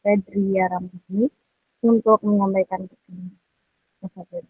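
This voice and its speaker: A woman's voice: mid-range voice, level tone, takes it slowly, slightly rough, no echo, narrow, tinny audio. A woman acting as moderator at a religious talk, reading out submitted questions in a formal way. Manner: formal and loud when reading.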